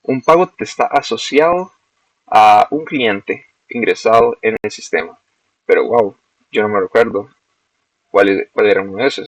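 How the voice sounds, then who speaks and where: Gravelly young man. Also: on the low side, no echo. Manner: explains step by step, self-corrects. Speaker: student presenting a project. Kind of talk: screen-recorded software demo. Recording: dull, lo-fi dry recording.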